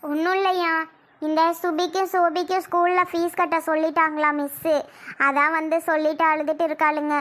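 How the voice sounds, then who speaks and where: A woman playing a struggling mother of two daughters in a family drama skit, speaking in a soft, pleading, sorrowful way. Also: very high-pitched, little pitch movement, brisk. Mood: tearful.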